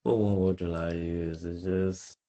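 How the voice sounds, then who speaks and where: In casual chat as an interview guest, a young Nigerian-accented man speaks a little slowly in a low, mellow voice that barely moves in pitch. He leans on repetition for emphasis, sprinkling in "right" and "you know".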